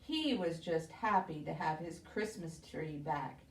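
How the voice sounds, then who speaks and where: At story time, a woman working as a children's librarian reads to small children and explains things with simple questions. Her low voice has lively intonation and vocal fry, and she's unhurried; the recording has an echoey room, a distant mic, and faint noise.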